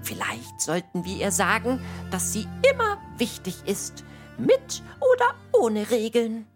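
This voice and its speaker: A woman's voice: a little high, wildly swooping pitch, a little slow, soft background music. A woman voicing a thoughtful young friend who talks in a reflective, coaxing way.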